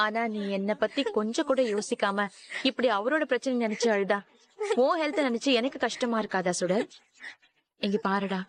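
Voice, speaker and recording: Woman as a soothing, coaxing mother, mid-pitched. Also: close to an everyday voice. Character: loving mother comforting her crying child. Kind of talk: TV serial acting.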